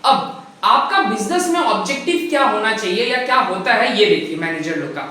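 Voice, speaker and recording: A man teaching a recorded lesson from handwritten notes. He talks fast, says so himself, mixes in English, slows down to read definitions, and keeps checking in with the class. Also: sits high, animated, sharp tone. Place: room with board, writing notes. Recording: very echoey room, voice far from the mic.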